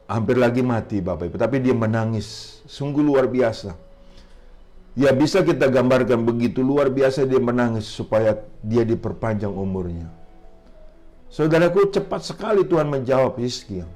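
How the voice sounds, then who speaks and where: A man's voice: medium pitch, lively intonation, moderate pace, mellow, soft background music. A man in his fifties preaching a sermon as pastor, emphatic and often addressing the congregation directly. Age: 50s.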